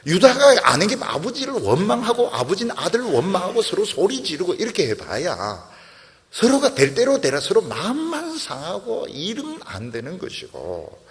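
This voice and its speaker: A middle-aged man preaching a sermon, telling the story in a lively way and acting out the quoted dialogue. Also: high voice, normal speed, big-room sound. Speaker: pastor.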